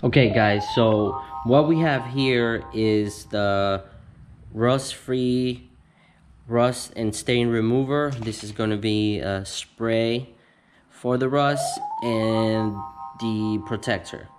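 A man in his thirties hosting a casual how-to video in a home garage, explaining each step slowly with plenty of ums and restarts. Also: medium pitch, over music. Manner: slow, halting step-by-step explaining with many fillers. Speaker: host of a how-to channel. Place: home garage with door open.

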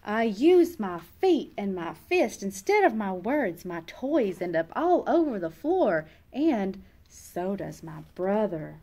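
Her voice is mid-range and darkish, swinging widely in pitch as she reads slowly with hardly any pauses. She's a woman in her thirties, a read-aloud host performing a children's picture book and expressively acting out the young narrator's feelings. The setting is a small indoor classroom or reading room.

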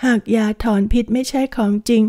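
A woman narrating a translated historical romance novel in a calm, measured reading voice. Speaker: audiobook narrator.

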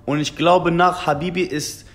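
The voice is fairly high and a bit bright, with a steady tone and moderate pace. It belongs to a young German rapper in his twenties who talks earnestly on a casual phone video call from a table in an indoor room, often calling the interviewer "Bruder."

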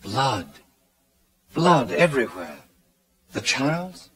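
Observant, earnest gentleman doctor, audio drama. Medium-pitched voice, lively dramatic intonation. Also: drawn-out words, a crowd in the background. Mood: horrified. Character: concerned, observant Victorian doctor. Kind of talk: dramatized audio play acting. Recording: 1979 cassette audio drama, background bustle.

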